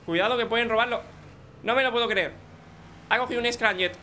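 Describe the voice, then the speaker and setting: A young man with a Spanish accent from Spain, commenting excitedly on his online game and joking with teammates. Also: extremely high pitch, a little fast, slight background noise. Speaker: gaming YouTuber. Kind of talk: live gameplay commentary.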